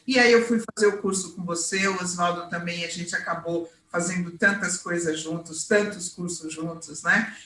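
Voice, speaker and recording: A woman hosting an interview, chatting warmly and reminiscing with her guest. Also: medium pitch. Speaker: interviewer, host. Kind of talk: friendly conversational interview. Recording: echoey call audio.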